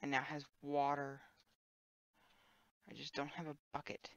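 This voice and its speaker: Gravelly lady streamer mumbling thru a block game, slow and dry, dull lo-fi mic. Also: flat delivery, dry recording. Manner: thinking aloud, low-key and wry, trailing filler words. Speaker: streamer playing a sandbox game. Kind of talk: casual gameplay commentary.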